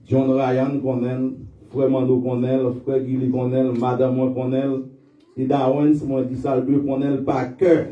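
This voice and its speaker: A man preaching a sermon in church, calling out to his congregation for responses and reading scripture slowly and emphatically. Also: medium pitch, monotone, warm tone. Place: church sanctuary. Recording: echoey hall, distant dull mic.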